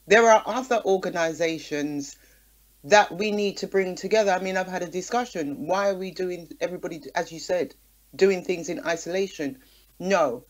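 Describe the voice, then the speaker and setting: This radio talk show guest, a woman from the Caribbean community in the UK, has a lowish voice and a moderate pace. She argues her case passionately and emphatically in a conversational style, punctuating it with rhetorical questions.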